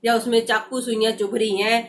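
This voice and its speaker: A woman's voice: fairly high pitch, flat delivery, brisk, slight background noise. A woman teacher explaining a textbook story, retelling each passage in loose everyday speech with many fillers.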